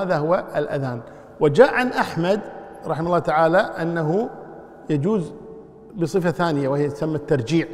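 Fast-talking man teaching in a reverberant hall. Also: on the high side. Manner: explains step by step, asks the class questions. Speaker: teacher of Islamic law. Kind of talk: lecture explaining a text.

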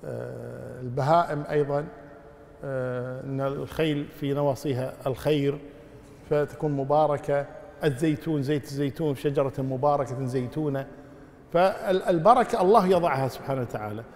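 A man, an Islamic scholar, answering listeners' religious questions in a measured way, often adding pious formulas. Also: mid-range voice, gravelly, darkish tone, in a large hall. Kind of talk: religious Q&A lesson.

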